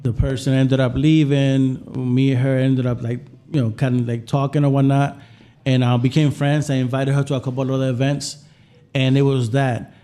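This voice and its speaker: A Puerto Rican man guesting on a podcast as a chef delivers his personal stories flatly at a moderate pace. His medium-pitched voice has a dark tone, and his casual speech is full of repeated phrases.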